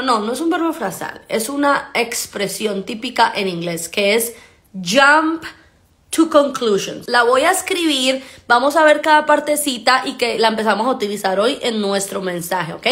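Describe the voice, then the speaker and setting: A woman giving a live online English mini-lesson. She is upbeat and coaxing, checks in often with "ok?", and slows way down to demonstrate English sounds. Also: on the high side, a bit bright. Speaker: English teacher.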